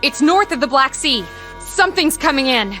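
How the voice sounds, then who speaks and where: A precise, alert military operator in an anime dub. The voice is high and forceful, clipped in delivery, over light music. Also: female voice, expressive, normal speed. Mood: urgent, businesslike. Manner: clipped, technical.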